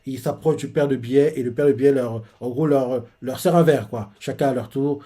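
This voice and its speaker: A man's voice: medium pitch, fairly even intonation, fairly quick, warm tone. A man giving casual live reaction commentary on a manga chapter, rambling with many fillers and restarts.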